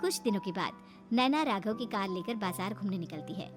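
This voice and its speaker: A woman's voice: mid-range voice, lively intonation, brisk, loud music behind the voice. A woman narrating a scripted moral story as a storyteller.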